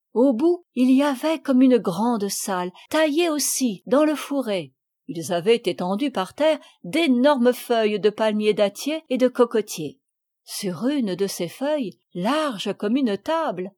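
A woman reading a children's storybook aloud with clear, expressive narration. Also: fairly high pitch. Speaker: audiobook reader.

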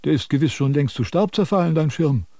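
An actor playing a self-important sage who lectures and scolds in a radio drama. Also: male voice, on the high side, a little fast, mellow, no echo, studio quality. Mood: lecturing. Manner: pompous, preachy, scolding.

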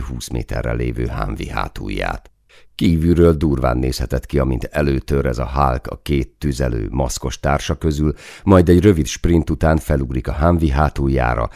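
A man's voice: extremely low pitch, vocal fry, a little mellow, no room sound, studio quality. A man narrating an action audiobook in the first person, with tense, foul-mouthed storytelling. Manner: tense, action-driven storytelling with frequent swearing.

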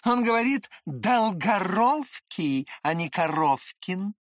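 A reader voicing an excitable, pretty teenage boy who chatters eagerly in an audiobook. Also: mid-range voice, slow, no room sound, clean studio sound, pitched above the performer's own voice. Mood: chattering.

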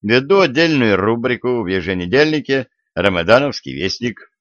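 A man's voice: mid-range voice, animated, moderate pace, a bit bright, no room sound, highs cut off, natural voice. A man voicing a weary, exasperated modern journalist who talks plainly, in an audiobook. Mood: explaining.

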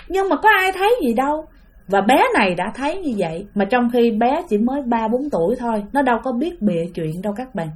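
A woman with a high voice and a Southern Vietnamese accent tells a spooky tale. She speaks in a chatty way and keeps turning to her listeners. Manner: chatty, addresses listeners directly. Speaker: storyteller. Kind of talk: spoken ghost storytelling.

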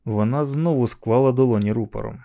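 A man reading a novel aloud as an audiobook narrator, in a steady, measured manner. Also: mid-range voice, creaky. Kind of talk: scripted narration.

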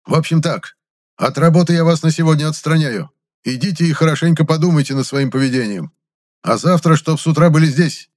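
Man voicing an angry stern boss, scolding, loud, audiobook. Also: a little high, fairly quick, pitched above the performer's own voice, close to an everyday voice. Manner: scolding, shouting. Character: stern older male supervisor, irritable. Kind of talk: audiobook character voice.

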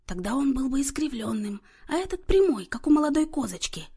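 A woman doing a hoarse, fussy older widow. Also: high voice, big pitch swings, brisk, warm tone, pitched above the performer's own voice. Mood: pedantic. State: hoarse from laryngitis. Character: hoarse older widow, sharp-tongued and pedantic.

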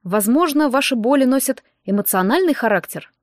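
A woman's voice: high voice, lively intonation, a little fast, no echo, studio quality. A woman voicing a kindly, puzzled middle-aged male doctor who fumbles through hesitant explanations.

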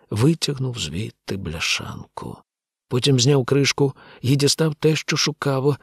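A man reading an audiobook aloud in a measured, grave storytelling manner. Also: medium pitch, creaky, husky, dry recording, studio quality. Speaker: audiobook narrator. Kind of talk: scripted audiobook narration.

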